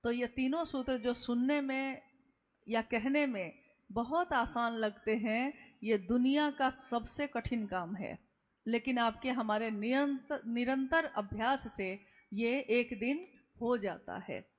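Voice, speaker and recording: A woman's voice: fairly high pitch, slow. A woman giving an earnest devotional discourse, repeating words for emphasis and taking questions from listeners. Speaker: spiritual speaker.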